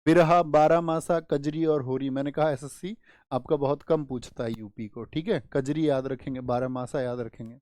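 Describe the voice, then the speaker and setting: A male exam-prep teacher giving an online lesson, asking students quick questions and teaching memory tricks with little stories. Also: medium pitch, steady tone, darkish tone, no room sound, studio quality.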